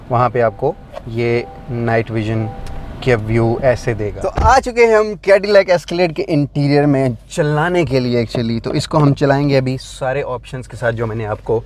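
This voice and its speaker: A man's voice: a little high, a little mellow, slight background noise. A man doing a casual car review, explaining features as he demonstrates them and using plenty of fillers, recorded inside a large vehicle.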